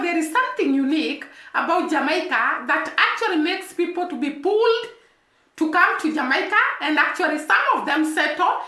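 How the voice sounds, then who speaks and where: A woman's voice: high voice, sharp tone. A woman hosting a commentary vlog, talking earnestly and often linking her thoughts with the same stock phrases. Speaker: channel host. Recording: echoey room.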